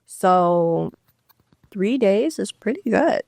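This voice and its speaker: A young woman co-hosting a casual chat podcast, retelling conversations with quick asides. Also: mid-range voice, lively intonation, creaky, a little mellow, no echo, studio quality. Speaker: podcast co-host.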